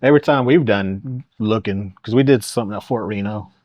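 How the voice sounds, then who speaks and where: A man's voice: on the low side, brisk, no echo, highs cut off. A middle-aged man from Oklahoma, a podcast guest telling stories in a casual, rambling way full of fillers. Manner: rambling, lots of uh and you know. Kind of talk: casual storytelling.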